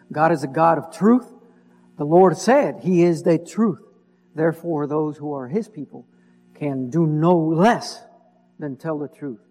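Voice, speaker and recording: A male pastor preaching an expository sermon, pausing with "uh" and restating points in plain words. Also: on the high side, darkish tone. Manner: expository, frequent "uh" and "in other words" asides. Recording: long hall reverb.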